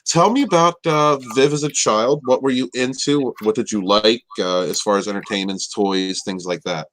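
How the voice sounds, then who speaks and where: A man's voice: on the low side, moderate pace, a bit bright. Easygoing male live-stream host. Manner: easygoing, laughs, greets viewers. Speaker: host of a live interview show. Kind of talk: casual live-stream interview.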